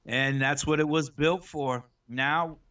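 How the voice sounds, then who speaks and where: A man's voice: a little high, steady tone, takes it slowly, distant mic, a crowd in the background. A man co-hosting a casual podcast chat in a laid-back, slangy way, often laughing. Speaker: podcast co-host.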